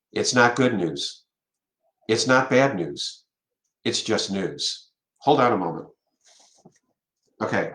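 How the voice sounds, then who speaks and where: A middle-aged man hosting a solo live video talk on leadership, speaking slowly and repeating a catchphrase with weight. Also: on the low side. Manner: slow, repetitive, dwelling on a catchphrase. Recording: echoey room.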